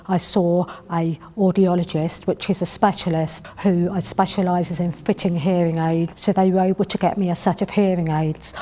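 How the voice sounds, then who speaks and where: A woman's voice: lowish voice, warm tone. Matter-of-fact woman in a reverberant room. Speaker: interviewee. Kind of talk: interview.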